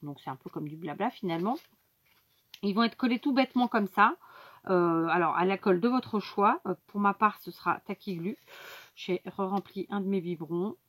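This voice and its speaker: A woman's voice: mid-range voice, moderate pace, fairly bright tone. A woman hosting a casual craft tutorial, explaining each step to her viewers with many fillers and asides. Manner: talks directly to viewers.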